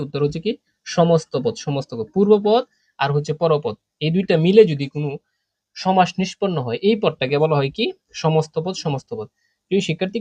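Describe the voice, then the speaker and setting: A man's voice: sits high, darkish tone, no echo, lo-fi sound. A young man with a Bangladeshi Bengali accent teaching an online exam-prep lesson, quizzing students and repeating his own answers.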